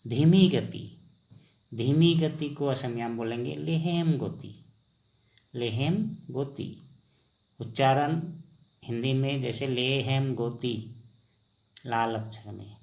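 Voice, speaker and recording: A male language teacher speaks at a very slow, deliberate pace in a middle-pitched voice. He drills each word several times. He poses questions to the viewer and then answers them himself, as in a recorded screen lesson. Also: gravelly, darkish tone. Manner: slow, repetitive drilling, asks and answers his own questions. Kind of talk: vocabulary lesson.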